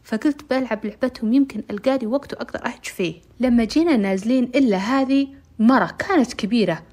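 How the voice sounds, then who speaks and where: A woman's voice: a little high, fast, darkish tone. A woman narrating a dramatic first-person story in an intimate way, slipping into whispers. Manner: intimate, dips into whispers at tense moments.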